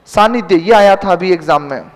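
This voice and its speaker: A man's voice: sits high, lively intonation, a little slow. A man teaching a Hindi grammar class, dictating spelling corrections word by word and quizzing his students, whom he calls "beta". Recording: long reverb in a classroom.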